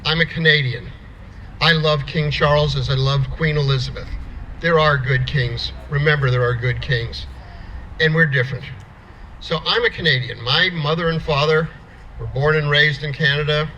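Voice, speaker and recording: A man's voice: on the high side, normal speed, pushed and bright, a little hiss or hum, low-quality recording. A middle-aged man from the United States telling a plainspoken story at an outdoor rally, restarting words as he goes. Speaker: rally speaker.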